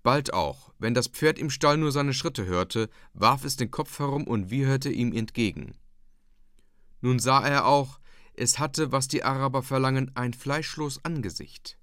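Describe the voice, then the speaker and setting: An audiobook narrator reads a classic novella in a measured, expressive storytelling style. His voice is medium-pitched, and the recording is dry and studio quality.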